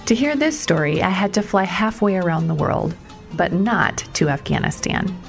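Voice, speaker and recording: A woman reporter narrating a documentary story in a measured storytelling way, sometimes stressing questions. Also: on the low side, expressive, gravelly. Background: music underneath.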